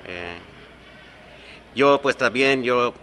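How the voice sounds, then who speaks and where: Bright-voiced man giving earnest testimony. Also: medium pitch, extremely slow, slight background noise. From United States. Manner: earnest, confessional, often adds "¿verdad?". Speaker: recovery meeting speaker. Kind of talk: personal testimony at a support meeting.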